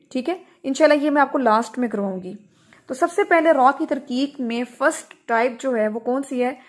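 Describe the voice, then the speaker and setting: A woman teaching a Tajweed lesson. She asks questions and answers them herself, and she slowly stretches out Arabic words to show how they are pronounced. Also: a little high. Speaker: Quran recitation teacher.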